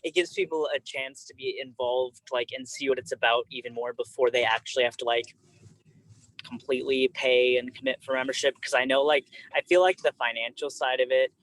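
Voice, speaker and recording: A man with a mid-pitched voice calls into an online meeting from a parked car. He speaks in a relaxed, thoughtful way, with plenty of "like" fillers. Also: a little fast, rough recording. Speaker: chapter member. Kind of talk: casual online meeting talk.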